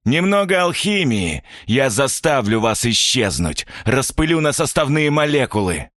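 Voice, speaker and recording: A man voicing a cynical, arrogant young male villain inventor who mocks his captives in a slow, menacing drawl. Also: mid-range voice, very animated, fairly bright tone, dry recording, studio quality, voice pushed up. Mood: gloating. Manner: gloating, mocking, drawn-out menacing delivery.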